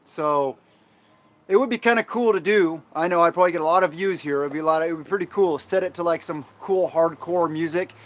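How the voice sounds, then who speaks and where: An American man hosting a casual livestream, answering viewer comments in a halting, rambling way, often trailing off and restating himself. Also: fairly high pitch. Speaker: livestream host.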